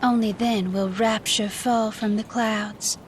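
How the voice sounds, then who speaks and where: An actress playing a playful, mysterious all-seeing fortune teller in a video game, with a theatrical, coy, mystical manner. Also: female voice, mid-range voice, fairly even intonation, slow pace, a little hiss or hum, lightly acted. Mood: ominous, playful. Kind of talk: video game character acting.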